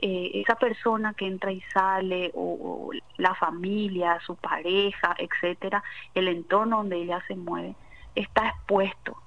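Woman doctor as guest, calm explainer, muffled radio sound. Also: mid-range voice. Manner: measured, explanatory, frequent tag questions. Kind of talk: explanatory interview answers.

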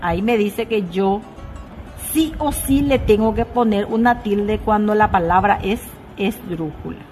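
A woman teaching a lesson, measured and repeating key points, dropping her voice on examples. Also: medium pitch, darkish tone, soft background music. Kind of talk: slow classroom explanation.

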